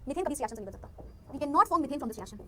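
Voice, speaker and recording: Woman, chemistry teacher, very high voice, rapid-fire delivery, online lecture, faint hum behind. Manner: rapid, animated explaining with frequent rhetorical questions.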